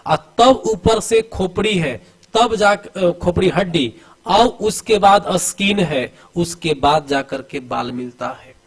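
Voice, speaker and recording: A male coaching teacher gives an exam-prep lesson over diagrams. He asks questions, repeats the answers as a drill, and calls students "beta" while urging them to answer fast. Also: a little high, rough recording. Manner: addresses students familiarly, urging quick answers.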